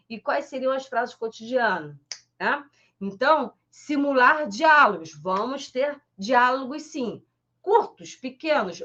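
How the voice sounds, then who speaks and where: Brazilian woman, online French teacher, chatty live-class delivery, slightly muffled stream audio. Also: fairly high pitch. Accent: Brazilian Portuguese. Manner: chatty, repeats tag questions like "né?" and "tá?".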